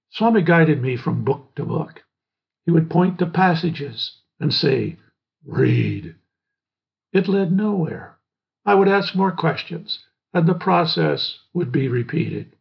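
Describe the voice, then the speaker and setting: An older man reading his own memoir aloud in a measured, reflective way. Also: on the high side, creaky, husky. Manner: slow, measured, reflective storytelling. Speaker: memoir narrator. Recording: dull lo-fi recording.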